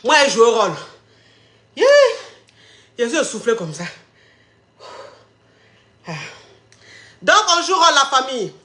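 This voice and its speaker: A woman's voice: a little high, sing-song, unhurried, long pauses, sharp tone. A woman hosting a call-in live stream, theatrical with sing-song hype announcements. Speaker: call-in show host. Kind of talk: animated live-stream chat. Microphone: phone or webcam on a live stream. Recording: roomy echo.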